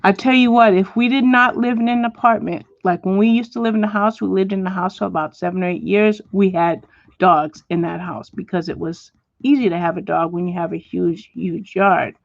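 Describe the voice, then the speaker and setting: A woman's voice: medium pitch, fairly even intonation, a little fast, gravelly, no echo, dull audio. Chatty woman hosting a coloring stream. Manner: chatty, answers viewers by name, drops to a whisper now and then. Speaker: livestream host. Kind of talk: casual chat while coloring, reading viewer comments. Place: at home, indoors.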